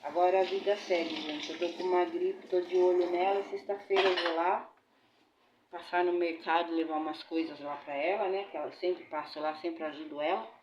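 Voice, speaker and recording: Standing at her kitchen sink doing dishes, a middle-aged Brazilian woman recovering from a bad flu talks chattily to her vlog audience, addressing them as "gente" and sprinkling in religious blessings. She speaks Brazilian Portuguese in a lowish voice, fairly even in intonation and moderately paced. The audio is roomy, dull and full of kitchen noise.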